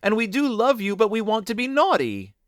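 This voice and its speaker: Plaintive storybook little girl, played by a man, pitched far up, earnest, pleading, swooping. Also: lively intonation, moderate pace, no room sound, clean studio sound. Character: earnest, pleading little girls, emotional young children.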